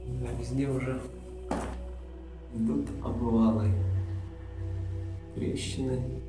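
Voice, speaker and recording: Man vlogging inside caves, booming cave echo, quiet half-whispered remarks, mid pitch. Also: fairly even intonation, slow, over music. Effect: booming cave echo around the voice. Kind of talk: casual walk-through commentary. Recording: echoey cave, faint hiss.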